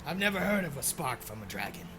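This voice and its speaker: A man voicing a gruff, hearty old sailor with blustery seaman's talk. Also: mid-range voice, sing-song, fast, natural voice. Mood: blustery, indignant. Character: gruff, hearty old sailor greeting a long-lost friend. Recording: clear background noise.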